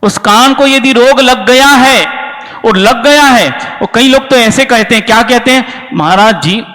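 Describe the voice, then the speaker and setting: A man, a monk, giving a lively sermon. He keeps asking the audience questions and acts out little dialogues. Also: very high-pitched, a little slow. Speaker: Jain monk preacher. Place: large hall. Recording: reverberant hall.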